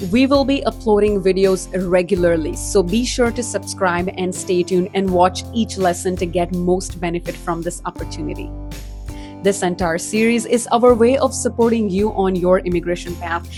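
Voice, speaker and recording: A woman's voice: mid-range voice, a little mellow. Woman, scripted intro, earnest promotional tone, faint guitar music behind. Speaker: immigration consultant.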